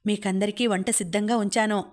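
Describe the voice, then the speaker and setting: Lady narrator doing sweet old mom, hushed, pleading, audiobook. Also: mid-range voice, steady tone, a little fast, lightly acted. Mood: gentle. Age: older. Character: kind older mother, gentle and pleading.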